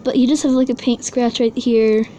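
A woman in a casual unboxing vlog at home, excitable and gushing, gasping often over what she finds. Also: on the high side, normal speed, a little hiss or hum. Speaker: toy unboxing vlogger. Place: at home indoors.

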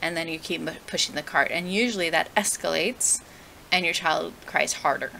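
A young parenting educator speaks directly to camera, teaching parents to handle toddler tantrums in an earnest, conversational way and often asking viewers questions. Her voice sits low, with vocal fry and a pushed, bright quality, at normal speed. The low-quality recording has slight background noise.

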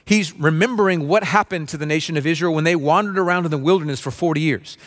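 Earnest higher-voiced pastor preaching. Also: male voice, quick pace, a bit bright. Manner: earnest, conversational preaching with repeated restarts and mimicked grumbling. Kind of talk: sermon. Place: dim stage with spotlights, seated at small table.

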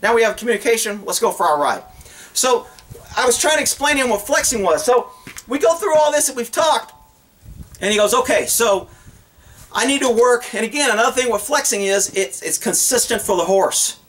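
This middle-aged man speaks fairly quickly in a high, raised pitch while teaching off the cuff to a camera outside on open country land. A horse trainer and vlogger, he comes across as folksy, blunt and animated, voicing imagined exchanges.

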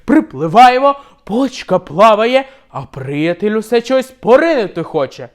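A young man reading a humorous story aloud, lively and expressive, shifting his volume for effect. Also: sits high, unhurried. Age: young adult. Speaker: student reciter.

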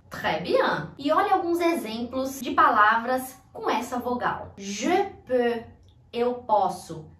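High-voiced woman teaching pronunciation slowly. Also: a bit bright, echoey room, recorded from a distance. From Brazil. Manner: clear, slow demonstrations of sounds. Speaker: language teacher. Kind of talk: online language lesson.

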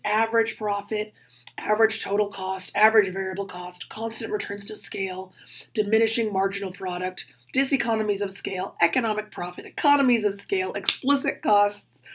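A woman professor with a hoarse voice, giving an upbeat recorded lecture to her class. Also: mid-range voice, a bit bright. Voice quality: husky.

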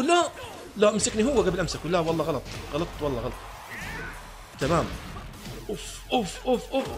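A man giving excited live commentary on a fighting game, talking to his viewers and taunting his opponent. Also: sits high. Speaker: gaming YouTuber.

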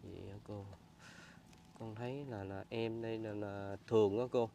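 A man with a Southern Vietnamese Mekong Delta accent, interviewing a woman politely and softly. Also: fairly low pitch, level tone, moderate pace, background noise. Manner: soft-spoken, polite, constant agreeing "yes" backchannel. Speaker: interviewer, channel host. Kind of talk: field interview.

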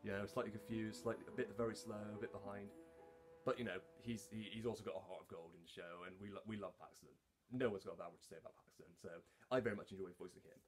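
A man's voice: lowish voice, fairly even intonation, fast, soft background music. A man chatting casually to camera as a fan voice actor, rambling and self-deprecating.

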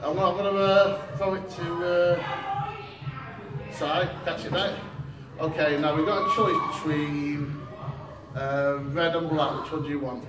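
A young man performs a card trick on a small stage, talking to the audience in a rambling, good-humoured way. His voice sits a little high for a man. The recording picks him up from a distance in a noticeably echoey hall. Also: steady tone, a little slow, heavy background noise. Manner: chatty, self-deprecating, stumbling restarts. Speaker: stage magician. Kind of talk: live stage patter with audience. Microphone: distant camera, no mic. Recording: roomy hall echo, voice from far off.

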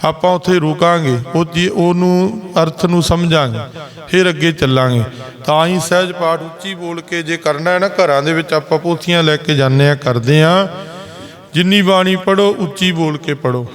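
Man preaching, chanting verses between. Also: a little high. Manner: slow, explanatory, breaks into chanted verse. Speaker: Sikh preacher giving katha. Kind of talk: sermon with sung scripture lines. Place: gurdwara.

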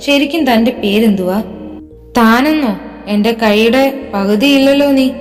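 Brief: irritable young man, voiced by a woman narrator, storybook serial, reverb and soft music. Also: on the high side, fairly even intonation, moderate pace, natural voice. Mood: irritated. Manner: irritable, snapping. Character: gruff short-tempered young man.

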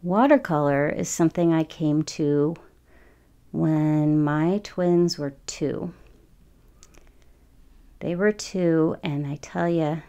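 Low, gravelly-voiced woman narrating her painting. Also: warm tone, dull audio. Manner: chatty, rambling, frequent ums. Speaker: watercolor artist. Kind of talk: casual voice-over narration while painting.

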